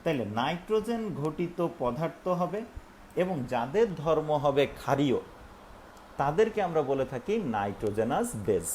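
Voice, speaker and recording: A man's voice: a little high, darkish tone, a little hiss or hum. A male teacher giving a recorded online lesson, explaining step by step and asking and answering his own questions. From Bangladesh.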